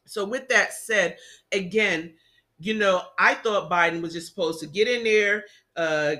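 Bright-voiced woman, earnest and rambling. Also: medium pitch, unhurried. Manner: earnest, rambling with many restarts. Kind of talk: casual discussion.

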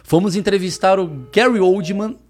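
A man's voice: sits high, moderate pace. A man with a Brazilian Portuguese accent, telling a comic story in casual podcast talk and acting out the quoted lines. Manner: animated, acts out quoted lines.

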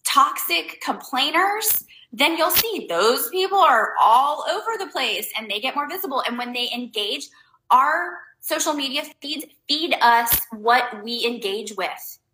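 A woman's voice: sits high, expressive, unhurried, pushed and bright, reverberant, slight background noise, rough recording. A woman hosting a casual advice talk for her viewers. She rambles loosely, leans hard on fillers like "um" and "like", and makes blunt, emphatic points. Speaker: host giving life advice.

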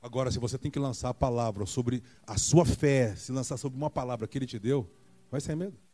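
A Brazilian man preaching a Sunday sermon in a church, retelling a Bible story and acting out the voices of the people in it with big jumps in pitch. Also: brisk, warm tone. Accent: Brazilian Portuguese. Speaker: pastor.

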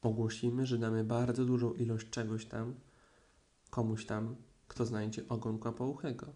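A man's voice: medium pitch, little pitch movement, moderate pace, warm tone, natural voice. A man voicing a fussy, pompous female owl who loves long words, in a storybook reading. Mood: lecturing.

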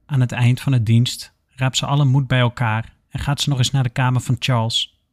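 A man narrating a scripted horror story in a steady, measured way. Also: medium pitch, slight background noise.

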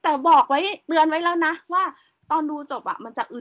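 A woman with a slightly high voice talks casually as a podcast co-host. She recommends a film with eager enthusiasm. The sound is a little dull and lo-fi. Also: fairly quick, fairly bright tone. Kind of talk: casual chat.

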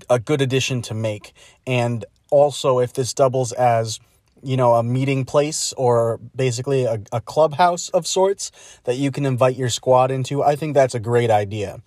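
A man hosts his podcast alone, his voice captured on a phone while he sits in a car. The sound is dry and close with no room echo. His pitch is middling, and he talks thoughtfully, often stopping with an "uh" to find the right word. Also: darkish tone. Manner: thoughtful, searching for words with frequent uh's. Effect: recorded on a phone. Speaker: podcast host. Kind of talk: casual solo commentary. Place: inside a parked car.

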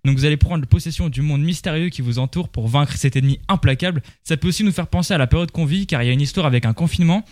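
A man's voice: fairly high pitch, quick pace, hardly any pauses, darkish tone, dry recording, clean studio sound. A young man as a podcast guest, casually presenting a game in a chatty, slangy half-read way. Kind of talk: casual podcast chat, reading a game review.

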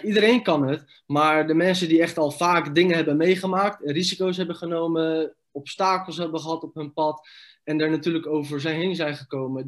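Man guest, fairly high voice, emphatic and blunt in casual talk. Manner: emphatic, blunt, with loose English slang. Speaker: podcast guest, entrepreneur. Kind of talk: casual podcast conversation.

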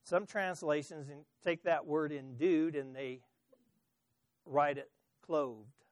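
A man preaching a sermon as pastor, swinging from loud emphasis to soft asides and asking the congregation questions. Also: a little high, takes it slowly, dry recording.

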